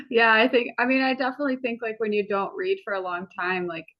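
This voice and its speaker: A woman co-hosting a podcast in casual, open chat, rambling with lots of "like". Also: a little high. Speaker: podcast co-host. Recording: dull lo-fi recording.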